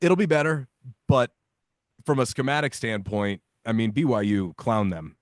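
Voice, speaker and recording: A man, a guest analyst on a sports podcast, giving his opinions in an emphatic way, his pitch rising when he presses a point. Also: normal speed, no room sound, clean studio sound. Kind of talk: casual sports podcast chat.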